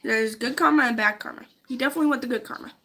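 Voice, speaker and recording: Congested young woman with gravelly voice. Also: fairly high pitch, very fast, sharp tone, rough recording. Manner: eager, giggly. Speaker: channel host. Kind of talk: casual chat.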